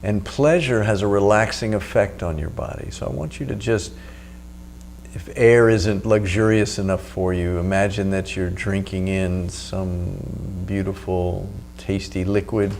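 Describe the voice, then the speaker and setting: Male meditation teacher, lowish pitch, measured instructional delivery with pauses, slight hum on the recording. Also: fairly even intonation, gravelly, a little mellow. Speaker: meditation teacher and video host. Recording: noticeable background hum.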